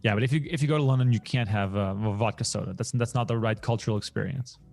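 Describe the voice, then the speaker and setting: A man's voice: lowish voice, fast talker, gravelly, darkish tone, soft background music. A man co-hosting a poker stream, chatting casually with dry, teasing humor. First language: Dutch. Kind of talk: casual co-host banter.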